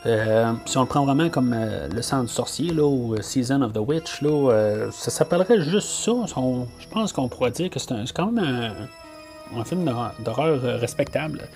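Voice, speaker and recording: A man with a Québécois French accent talks through a horror film in a relaxed podcast chat. His voice sits at an ordinary middle pitch. He stumbles and restarts often, padding with fillers, over faint music. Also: normal speed. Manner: hesitant, many fillers and restarts. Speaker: podcast host. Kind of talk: casual film review.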